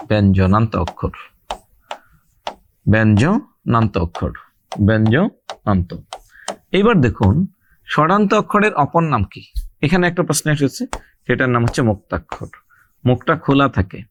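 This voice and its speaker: A man teaching an exam-prep grammar lesson, explaining step by step, addressing students directly and repeating key terms slowly. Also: medium pitch, slight background noise.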